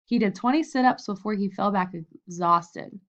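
A woman narrating a novel as an audiobook, in a steady, even storytelling manner. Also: medium pitch, moderate pace, lo-fi sound.

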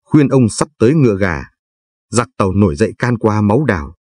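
A man voicing a gentle talking tooth that softly chants advice in verse to an old man, with a husky, low voice. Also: big pitch swings, fairly quick, no echo. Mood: pleading. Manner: soft sing-song verse chanting.

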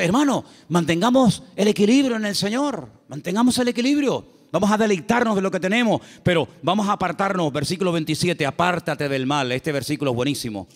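A man with a Canarian accent preaching a sermon in a church, emphatic and repetitive with humorous asides. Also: high-pitched. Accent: Canarian Spanish. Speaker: pastor. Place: church sanctuary. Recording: long reverb of a church hall.

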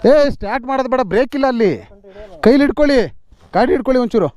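Fast-talking high-voiced man on a trail. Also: a little mellow, lo-fi sound. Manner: calls out quick instructions to fellow riders, repeats words, laughs often. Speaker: motovlogger leading an off-road ride. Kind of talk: casual on-the-spot vlog talk. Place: outdoors on a forest dirt trail.

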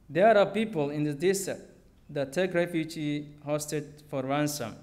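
A young man from Somalia, reading a personal story aloud from notes at a lectern on a theater stage, into a podium microphone, with simple, steady phrasing. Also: fairly high pitch. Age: young adult.

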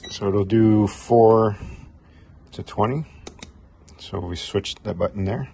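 A man's voice: on the low side, slow, creaky, husky. A middle-aged man in his garage, casually demonstrating a homemade test tool with many fillers. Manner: relaxed, rambling, filler-heavy. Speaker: HVAC technician demonstrating a tool. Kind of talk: casual workshop demo. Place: home garage workbench, indoors. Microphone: camera mic, speaker off-frame behind camera.

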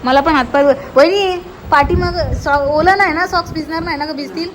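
This high-pitched woman talks a little fast, chatting and narrating casually for her vlog in a coastal fishing village. Originally from Alibag, Maharashtra, she's playful, teasing, and mock-scolding. The sound is a noisy outdoor take from a handheld phone with headphones.

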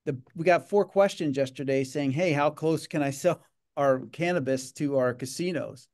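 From his home office, a middle-aged man leading a gaming association gives a casual interview over a webcam video call. His darkish voice is on the high side and moves at a normal speed, and he rambles with many fillers and repeated words.

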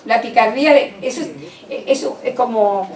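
A woman with a fairly high, somewhat dark voice gives a conference lecture on children's writing at a moderate pace. As a lecturer on early literacy, she explains using many fillers and restarts. The recording is echoey, with a distant mic and faint noise in the hall.

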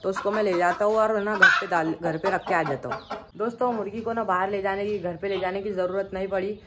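A man's voice: high voice, fairly even intonation, a little fast, noisy background. A man chatting to viewers in a casual pet vlog by his poultry pens, calling out to his birds now and then. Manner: chatty, keeps addressing viewers as friends; coaxes and scolds the animals loudly. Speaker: pet vlogger. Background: clucking hens and birds.

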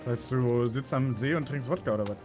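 A man's voice: medium pitch, fast, over music. A German man joking and laughing with a friend while playing a survival game. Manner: jokey, laughing, mumbles asides. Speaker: gaming co-host. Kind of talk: let's play banter.

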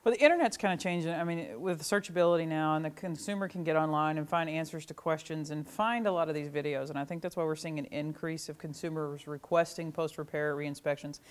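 A young man moderates a repair-industry panel in a showroom. He talks fast and briskly, with a smooth, clear tone, holding a handheld mic. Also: on the high side. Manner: brisk, leading questions. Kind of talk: panel discussion. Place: car dealership showroom.

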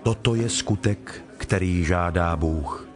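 An actor playing Jesus as a calm, solemn teacher, measured, in a dramatized scripture reading. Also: male voice, low voice, crowd noise, close to an everyday voice.

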